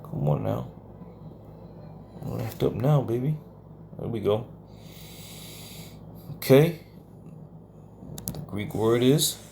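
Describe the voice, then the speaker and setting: A Bible teacher gives a home Bible study lecture in a combative, scolding manner, using some coarse language and repeatedly asking "okay?" His medium-pitched voice is gravelly and mellow, and he speaks slowly with frequent pauses. There's slight background noise.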